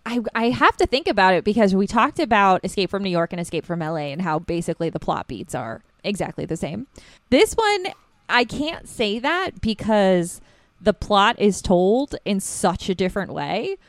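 A woman's voice: mid-range voice, big pitch swings, moderate pace, no room sound. A woman co-hosting a film podcast in casual chat, chatty and laughing often as she goes off on tangents. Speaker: podcast co-host.

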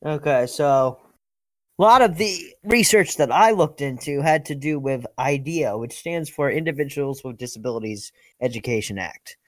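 Dry-voiced American podcast co-host. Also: male voice, mid-range voice, normal speed, dry recording. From United States. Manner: rambling, many fillers and restarts. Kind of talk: casual chat.

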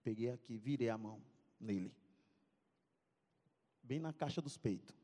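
In a church sanctuary echoing with long hall reverb, a man in a mid-range voice preaches to a youth service a little slowly. He's animated as he tells a comic story, acting out scenes and calling out to the audience.

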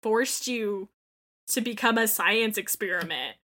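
A woman chatting casually about a video game, animated, swearing freely and acting out bits of dialogue. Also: medium pitch, measured pace.

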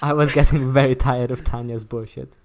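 A woman reading a story aloud with friends, amused and expressive. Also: a bass voice, fairly quick.

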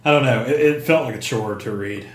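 A man co-hosting a podcast, chatting casually about comics, halting with fillers and restarts. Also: mid-range voice. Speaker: podcast co-host. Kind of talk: casual comic book chat. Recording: roomy untreated room sound.

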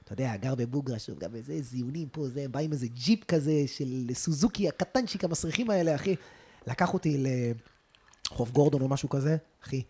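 A husky-voiced man swings his pitch up and down as he tells stories in a relaxed chat. He is a stand-up comedian, lively and crude in his slang, and keeps calling his listener "bro". It is recorded indoors in a loft apartment. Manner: animated, crude slang, constantly says "bro". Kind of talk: casual storytelling chat.

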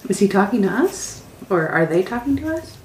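A woman's voice: medium pitch, very animated, brisk. A woman chatting casually as a player in a tabletop game. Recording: echoey room, faint noise.

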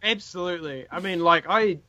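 A man with a broad New Zealand accent hosts a casual history podcast. His voice is bright and high for a man, and his wording is colloquial and peppered with swearing. The recording is a little dull and boxy. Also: a little fast, dry recording. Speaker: podcast host.

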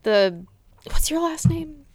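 A woman's voice: sits high, very animated, takes it slowly, a little mellow, dry recording. A woman co-hosting a podcast, chatting casually and joking bluntly, with some swearing. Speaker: podcast co-host. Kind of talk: casual chat.

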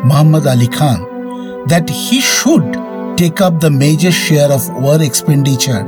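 A man's voice: a little high, lively intonation, a little slow. A man co-hosting and reading a scripted history narration. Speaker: podcast co-host. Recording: music bed under the voice. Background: background music.

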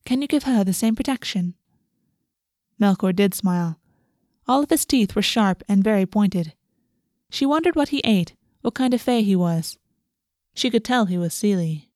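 A woman's voice: mid-range voice, lively intonation, normal speed, darkish tone, no room sound, clean studio sound. A woman reading scripted fantasy fiction as an audiobook narrator.

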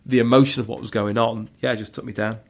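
A man's voice: medium pitch, flat delivery, fast talker, gravelly. A man chatting candidly on a podcast, rambling through memories with plenty of fillers. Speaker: podcast co-host, father of two. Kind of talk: casual podcast chat.

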